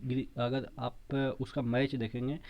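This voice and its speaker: A man's voice: medium pitch, flat delivery, measured pace, darkish tone. A man teaching an exam-prep science lesson, explaining step by step and repeating points with memory tricks and frequent check-ins.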